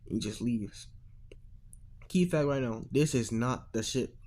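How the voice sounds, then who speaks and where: A man's voice: mid-range voice, takes it slowly, a little mellow. Rambling, slangy male storyteller. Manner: rambling, slangy, profane, loses track of words. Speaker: fan story narrator. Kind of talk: casual improvised storytelling.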